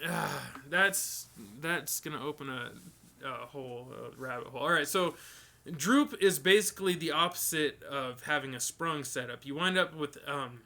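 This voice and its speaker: A man's voice: a little high, moderate pace, vocal fry. A man hosting a live stream, casually answering viewer questions with lots of ums and restarts. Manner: relaxed, rambling, many ums and restarts.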